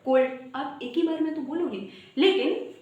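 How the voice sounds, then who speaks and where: A woman teaches an online English grammar lesson at a normal pace, her high voice mellow and the sound lo-fi in a very echoey room. She walks through each step, addresses the audience as "guys," and sing-songs her word lists.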